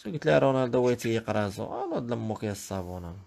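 A man with a Moroccan Arabic accent trash-talks strangers in crude, mocking banter. His voice is gravelly and he fires off lines at a rapid pace, with a faint hiss of noise behind him. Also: medium pitch, big pitch swings, a little mellow. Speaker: online prank streamer. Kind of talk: insulting comic banter with strangers.

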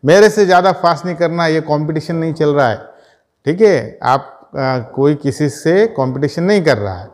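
A man's voice: on the high side, expressive, moderate pace. A man teaching a school prayer song to young children, patiently checking in with them again and again. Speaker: music teacher. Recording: loud backing music.

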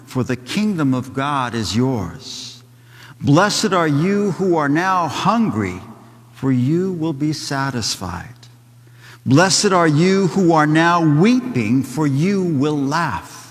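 A priest proclaims the gospel in a slow, measured way, his voice sitting a little higher than most men's. The long reverb of a large church trails every line. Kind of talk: gospel reading and sung alleluia at Mass. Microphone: altar microphone from a far camera.

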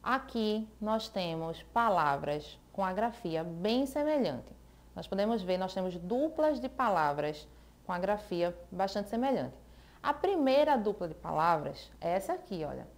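A woman teacher with a Brazilian accent giving a televised lesson to adults, speaking deliberately and spelling words out letter by letter. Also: medium pitch, big pitch swings.

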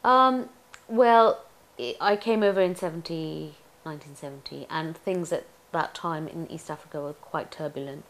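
Low-voiced chatty woman. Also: moderate pace, hardly any pauses. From Tanzania. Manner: chatty, reflective, laughs often. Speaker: interviewee, actress. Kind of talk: oral history interview.

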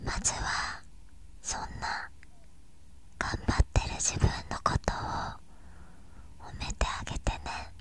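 Young female, breathy whisper, ASMR, very slow, gentle, reassuring, close binaural mic. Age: young adult. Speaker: ASMR host. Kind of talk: whispered ASMR, soothing personal address. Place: small bedroom, lying on a bed. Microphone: binaural ear microphone, held right at the mouth.

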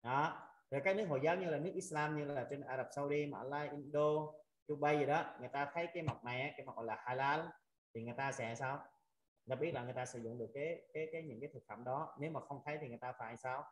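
Male teacher on a video call, patient and repetitive, roomy echo. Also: mid-range voice. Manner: patient, repetitive, drawn-out drilling of sounds with frequent "à" fillers. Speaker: Arabic teacher. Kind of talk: online language lesson.

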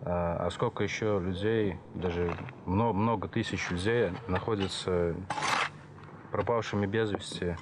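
A young man, a soldier speaking haltingly into a handheld mic in an outdoor interview. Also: sits low, fairly even intonation. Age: young adult. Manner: hesitant, halting. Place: open dig site, outdoors. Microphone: handheld reporter's mic. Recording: noisy outdoor field recording.

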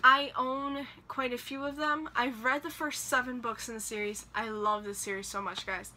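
A young book vlogger chats casually to camera about her reading plans, rambling with lots of fillers in a small room by her bookshelves. Her voice is on the high side, pushed and bright, with fairly even intonation at a moderate pace.

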